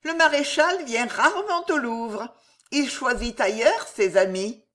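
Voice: high-pitched, very animated, measured pace, fairly bright tone, pitched above the performer's own voice, exaggerated voice. A reader voicing a scheming aging queen mother who speaks in honeyed, venomous tones in an audiobook. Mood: sweetly venomous. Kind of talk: audiobook character voice.

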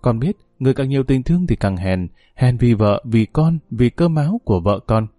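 A wounded, meek young daughter in a storybook reading, as a man narrator puts her on. She talks in a small, hushed voice that stays mellow and dark. Faint music sits behind her. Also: mid-range voice, lively intonation, a little fast, no room sound, studio quality, natural voice. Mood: sorrowful.

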